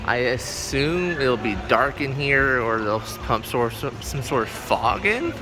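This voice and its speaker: A man's voice: mid-range voice, expressive, takes it slowly, background noise. A man giving casual, enthusiastic vlog commentary as he walks around outdoors in an amusement park. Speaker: theme park vlogger. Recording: loud music over outdoor park audio. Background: loud music.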